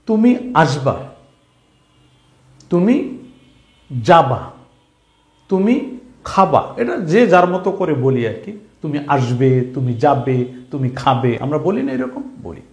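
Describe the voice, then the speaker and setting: A man with a Bengali accent teaching a spoken English lesson, slowly drilling phrases and asking his class rhetorical questions. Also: on the high side, darkish tone. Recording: echoey room.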